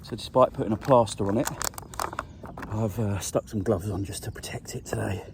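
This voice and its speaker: A man, a vegetable grower chatting casually through a farm vlog, relaxed and explaining things as he works outdoors. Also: on the low side, normal speed, noisy background.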